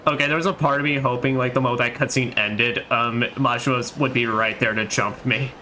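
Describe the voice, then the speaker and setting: A man's voice: medium pitch, fairly even intonation, a little fast, pushed and bright, a little hiss or hum. A man casually commenting while playing a game, chatty and joking, often breaking off mid-sentence. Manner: chatty, joking, self-interrupting. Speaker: streamer. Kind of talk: let's play commentary.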